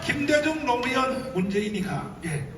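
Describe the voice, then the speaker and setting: Pastor, man, high and animated, shouting rally speech, distant echoey hall recording. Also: moderate pace, over loud music. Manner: shouting, rhetorical questions to the crowd. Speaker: pastor addressing a political rally. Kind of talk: fiery rally speech with call-and-response. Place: large convention hall. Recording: echoey hall from far off, noisy.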